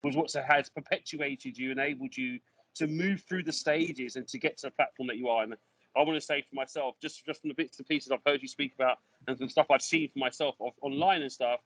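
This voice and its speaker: Bright, upbeat male host on a video call. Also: mid-range voice, a little fast, dry recording, rough recording. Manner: repetitive, emphatic, motivational. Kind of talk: encouraging panel hosting. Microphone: video call mic.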